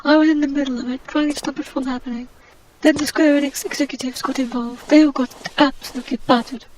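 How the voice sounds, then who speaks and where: In this comic monologue, a woman voices a snooty, melodramatic English lady adventurer, complaining theatrically and indignantly about every slight, in a gossipy mood. Her voice is natural and a little mellow, with a steady tone and quick pace. The audio quality is poor, and a faint hiss runs beneath it.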